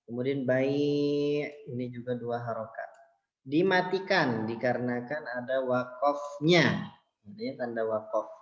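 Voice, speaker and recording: A man's voice: mid-range voice, measured pace. A man teaching how to recite the Quran, explaining patiently and calling his listeners children, with chanted verses in between. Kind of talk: tajwid lesson with chanted recitation. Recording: roomy, dull lo-fi sound.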